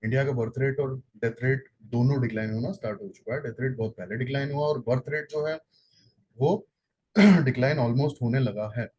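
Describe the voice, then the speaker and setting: A man's voice: medium pitch, a little fast, a little mellow, breathy edge, rough recording. A man with an Indian accent teaching an exam-prep lecture, explaining step by step, repeating points and correcting himself with fillers. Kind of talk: exam-prep lecture in Hindi-English mix.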